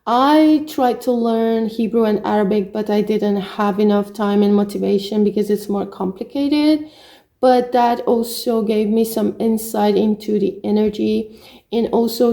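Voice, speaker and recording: In a personal monologue, a Romanian woman of middle age recounts her journey as a spiritual coach in short, earnest phrases and a Hungarian accent. She has a warm, mid-range voice.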